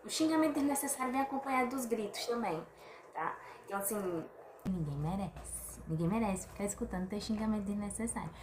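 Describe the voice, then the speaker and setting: A woman giving a casual opinion monologue to camera, chatty and animated, full of rhetorical questions and exasperated sighs. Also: medium pitch, fast, background noise. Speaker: vlogger. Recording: echoey room with faint ambience.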